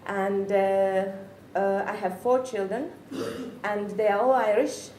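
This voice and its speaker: Speaking slowly and steadily, this middle-aged Czech woman has a medium-pitched, slightly mellow voice and a Czech accent from her native language. Her testimony as a parent is earnest and reflective, and she searches for her words. Faint noise and room echo are audible.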